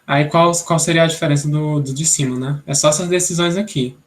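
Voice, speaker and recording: Brisk and steady in tone, a slightly high-voiced young Brazilian man leads an online programming lesson. He thinks out loud step by step, explaining as he goes, and keeps checking in with "né?".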